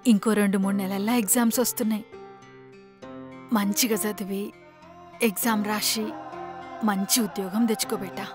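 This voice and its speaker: A woman's voice: medium pitch, a little mellow, lightly acted. An actress playing a worried, scolding mother who pleads with her grown son, speaking with a Telangana Telugu accent in a web series drama.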